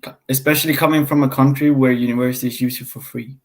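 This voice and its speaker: A young man from Sweden, a university student, answering calmly on a video call. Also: mid-range voice, rapid-fire. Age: young adult. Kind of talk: casual interview answers.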